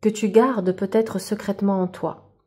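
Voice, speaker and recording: A woman's voice: mid-range voice, steady tone, unhurried, dark tone. A woman giving a monthly tarot reading that she addresses straight to the viewer. She talks casually and spiritually, and often breaks into wonder at the cards. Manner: enthusiastic, spiritual, exclaims in wonder; casual, speaks directly to the viewer. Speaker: tarot card reader.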